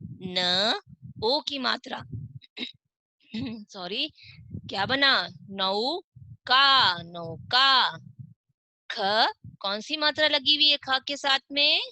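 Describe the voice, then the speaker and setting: A woman teaching young children online, with a Hindi accent, reading words slowly syllable by syllable and asking questions she then answers herself. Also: high-pitched, sharp tone, no room sound, rough recording. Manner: slow, drawn-out syllable-by-syllable reading. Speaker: primary school teacher. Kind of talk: online class lesson.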